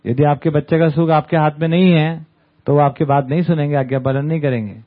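In a camp hall before an audience, a man lectures a study group in a fairly high, steady voice, speaking a little fast. He's conversational and often adds the tag question "है ना?" The audio is thin and phone-like.

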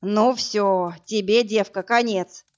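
A woman voicing a burly, crude male thug who barks orders and mocks, in a rough, coarse, threatening manner. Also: medium pitch, normal speed, natural voice. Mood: gruff. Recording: dull lo-fi audiobook, faint music.

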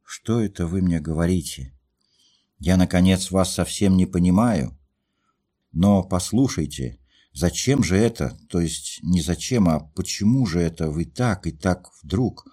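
A man's voice: deep voice, animated, measured pace, dark tone, breathy edge, exaggerated voice. A man reading a story aloud, voicing a hurt young woman who pleads through tears. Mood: bewildered. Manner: impassioned, pleading questions.

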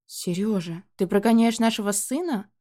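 Lady doing a fussy worried mom, middle-aged, pleading, soft dark storybook tone. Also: medium pitch, a little fast, lightly acted. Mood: indignant. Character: anxious doting middle-aged mother.

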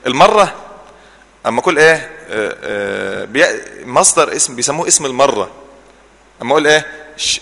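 Egyptian guy teaching a class, fast and bright, keeps asking questions then answering them, reverby hall. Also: fairly high pitch. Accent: Egyptian Arabic. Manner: repeats key words slowly to drill them. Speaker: religious teacher. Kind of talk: classroom Islamic jurisprudence lesson.

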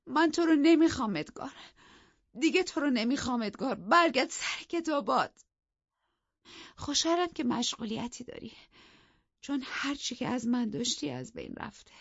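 A woman's voice: sits high, slightly rough, dry recording, dull audio, pitched above the performer's own voice. A woman voicing a delirious, furious young wife in an audiobook, with raised, overwrought outbursts.

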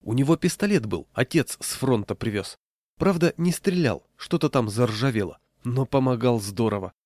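A man's voice: medium pitch, animated, moderate pace, darkish tone, dry recording, studio quality, natural voice. A man voicing an anxious, chatty wife who keeps giving worried warnings. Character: anxious wife, middle-aged woman, fussing.

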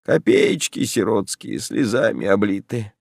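A man's voice: fairly low pitch, wildly swooping pitch, a little slow, creaky, darkish tone, breathy edge, dry recording, studio quality, heavily acted. A man reading an audiobook voices an old peasant woman who mumbles, laments and scolds. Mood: grumbling. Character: old peasant woman, grumbling, hard of hearing. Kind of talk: audiobook narration.

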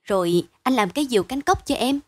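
Steady older brother in a storybook, read by a woman: plain, reassuring, fairly high, dry. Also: a little fast, no room sound.

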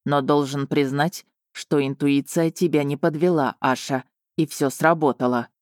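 A woman voicing a calm, composed young male emperor who speaks evenly. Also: low-pitched, moderate pace, no room sound, studio quality, voice pushed down, natural voice.

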